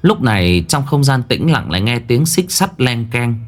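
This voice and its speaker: A man's voice: medium pitch, sing-song, normal speed, faint music behind. A man narrating a horror story with dramatic, suspenseful delivery.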